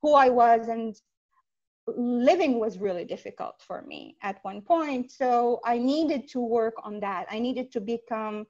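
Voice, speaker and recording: A woman from Saudi Arabia, in her thirties, speaking earnestly as a podcast guest over a video call from a small home room, with many pauses and "uh"s. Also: fairly high pitch, a little mellow. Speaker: podcast guest, life coach. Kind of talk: casual interview on a video call. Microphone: earbud headset mic on a video call. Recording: dull lo-fi call audio.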